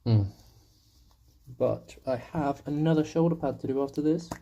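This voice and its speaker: Painting on a live stream, a young man with a sore throat rambles to viewers in a gravelly, husky voice that sits a little high with a dark tone. He talks at a moderate pace, teasing himself, and the sound is lo-fi.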